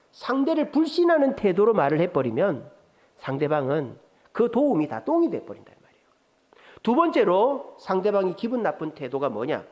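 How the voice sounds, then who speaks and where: A middle-aged man preaching a sermon with a high, bright-sounding voice. His pitch swings widely as he acts out sarcastic quotes and asks the listeners questions. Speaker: pastor.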